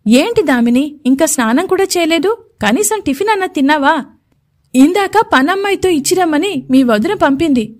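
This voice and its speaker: Lady playing a calm big brother, patient, soothing, high voice. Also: moderate pace. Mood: placating. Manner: calm, placating.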